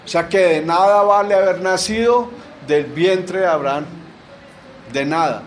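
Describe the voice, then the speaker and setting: A man's voice: high-pitched, measured pace, a little hiss or hum, poor audio. A middle-aged man preaching a sermon in a church, asking rhetorical questions and answering them with emphasis.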